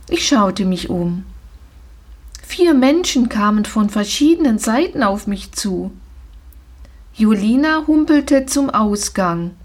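A woman narrating a children's story in the first person in a calm, measured way. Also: a little high. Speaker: audiobook reader.

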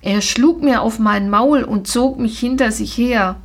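Slow, measured storybook reading by a woman. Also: on the high side. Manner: calm, measured first-person telling. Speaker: audiobook reader. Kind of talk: storybook narration.

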